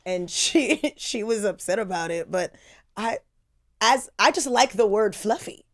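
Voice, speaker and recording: A woman co-hosting a podcast, telling stories in a wry, casual way at a middle pitch. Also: animated, unhurried. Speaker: podcast co-host.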